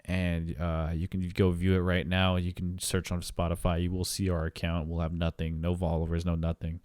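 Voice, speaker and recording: A man's voice: deep voice, monotone, moderate pace, a little mellow, no room sound, studio quality. A man co-hosting a podcast, chatting casually and rambling, with repeated words and casual swearing. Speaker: podcast co-host. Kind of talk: casual chat.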